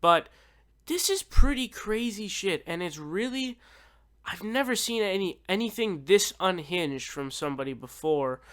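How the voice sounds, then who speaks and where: A man's voice: high voice, expressive, a little slow, fairly bright tone. A man giving casual reaction commentary in an informal, sweary, incredulous and exasperated way. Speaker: YouTube political commentator.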